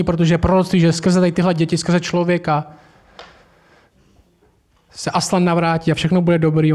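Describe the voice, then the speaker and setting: A man preaching a sermon in church, telling a story in a loose, informal way. His voice sits high for a man, and he often breaks off and restarts his sentences. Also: a little mellow.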